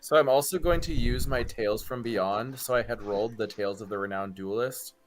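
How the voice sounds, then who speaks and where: A man's voice: mid-range voice, brisk. A man playing a tabletop game, casually explaining rules and his moves.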